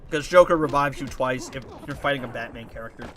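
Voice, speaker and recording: Here the congested young gamer talks fast at medium pitch, chatting casually and sounding animated, puzzled and rambling as he narrates his play. Slight noise sits in the background.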